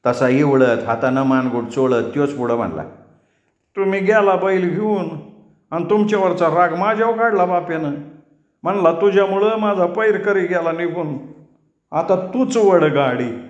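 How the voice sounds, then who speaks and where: Guy putting on a squeaky whiny village barber, echoey room. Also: moderate pace, muffled recording, natural voice. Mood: whining. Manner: high, whining, complaining. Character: whiny young village barber man, pleading.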